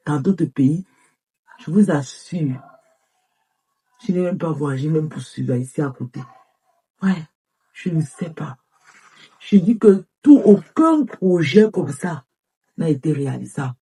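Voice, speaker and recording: A woman's voice: sits low, mellow, slightly rough, recorded from a distance. An actress playing an exasperated woman lamenting that none of her plans for the year came true, with emotional, exclamatory outbursts. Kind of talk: comic-dramatic film acting.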